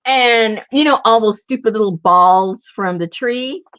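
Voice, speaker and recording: A woman who makes junk journals hosts a casual crafting video, chatting as she works and often laughing while telling stories. Her voice is a little high, a little slow and a bit bright, captured in slightly dull lo-fi sound.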